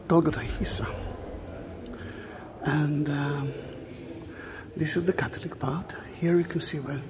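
Gravelly man guiding a church tour. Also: a little high, noisy background. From Israel. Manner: unhurried, musing, often drops to a hushed whisper. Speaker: tour guide. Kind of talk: walking video tour narration. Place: large stone church interior.

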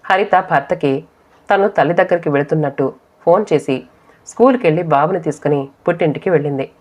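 Low-voiced woman narrating a story. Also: fairly quick, a little mellow. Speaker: audiobook narrator. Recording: dull lo-fi audio.

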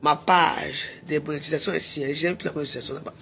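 A woman's voice: low-pitched, steady tone, quick pace, creaky, a little hiss or hum. A woman, delivering a heated, taunting rant to her camera, repeating her jabs. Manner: heated, taunting, repetitive shouting. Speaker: social media personality. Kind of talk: angry insulting rant to camera.

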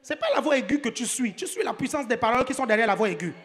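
A man's voice: extremely high pitch, expressive, racing, fairly bright tone. A man preaching a sermon in church, joking a lot and often asking the congregation whether they follow him. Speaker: pastor.

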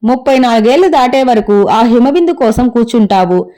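A woman's voice: a little high, lively intonation, moderate pace, mellow, close to an everyday voice. A woman voicing a fretful middle-aged mother who scolds and complains to get her son married. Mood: scolding.

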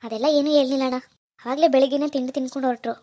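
A woman's voice: high voice, steady tone, racing, warm tone. Woman voicing a polite young housemaid. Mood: deferential. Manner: polite, deferential. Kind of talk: cartoon voice acting.

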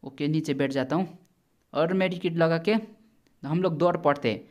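A man's voice: on the high side, moderate pace, a little mellow. A man giving casual gameplay commentary as a gaming YouTuber, chatty and blunt, warning his viewers and swearing now and then. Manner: chatty, repeatedly addresses viewers as brother.

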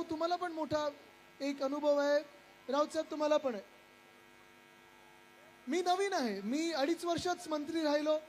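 A young man giving a loud rally speech as a politician, shouting over the crowd and talking straight to the people and the stage. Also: extremely high pitch, a little hiss or hum. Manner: addresses the crowd and stage directly.

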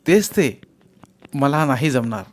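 A man's voice: medium pitch, big pitch swings, takes it slowly. A man voicing a wary, educated younger man who answers his friend's offers with surprise and doubt in a read-aloud novel. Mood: wary, doubtful.

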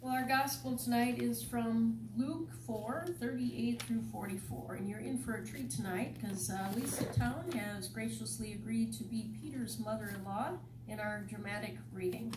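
A woman pastor with a fairly high voice leads a church service in a folksy, informal style, welcoming the congregation, praying and reading scripture. She speaks at a moderate pace with fairly even intonation and few pauses. The recording is noisy and echoey, captured by a distant mic in the sanctuary during the service.

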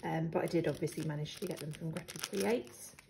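Here a young British planner vlogger talks through her supplies fairly quickly, her voice sitting low with a steady tone. She's croaky, clears her throat, and fills gaps with ums and soft laughter in a casual, unsure way. Faint noise and echo come from the hard-floored living room she's in.

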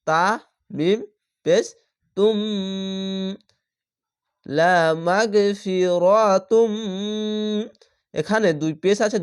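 A man teaching Quran reading who spells each word out slowly, syllable by syllable, then chants the whole word, and explains the rules patiently. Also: a little high. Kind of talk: spelling-out Quran recitation lesson.

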